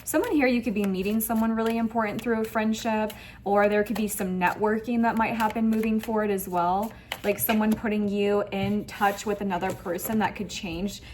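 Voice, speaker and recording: Giving viewers a spiritual tarot reading online, a woman speaks in a medium pitch, effusive and emphatic, with lots of repeated phrases. A slight background noise can be heard.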